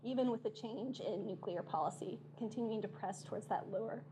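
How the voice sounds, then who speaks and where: A woman giving formal policy commentary as a panel discussant, her voice failing and hoarse, clearing her throat now and then. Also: medium pitch, a little fast, noisy background. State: losing her voice. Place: seminar room.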